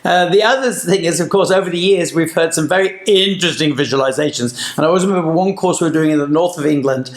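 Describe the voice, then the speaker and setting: Male Pilates co-host, high voice, earnest and explanatory, roomy echo. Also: quick pace, few pauses. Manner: earnest, explanatory, laughs easily. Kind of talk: casual chat.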